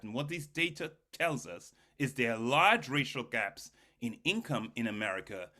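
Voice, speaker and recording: A man with a medium-pitched, bright voice delivers a keynote lecture in a forceful tone. As an academic speaker, he explains data emphatically, addresses the audience directly, and poses rhetorical questions that he then answers.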